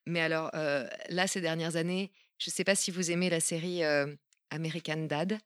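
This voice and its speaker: A woman's voice: low voice, steady tone, moderate pace, no room sound, studio quality. A woman who works as a dubbing actress, chatting enthusiastically with many fillers and hesitations. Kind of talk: casual chat.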